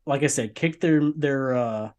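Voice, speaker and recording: A man's voice: medium pitch, measured pace, darkish tone, muffled recording. A man co-hosting a casual football prediction chat, laid-back with dry humor and lots of hesitant fillers. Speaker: podcast co-host.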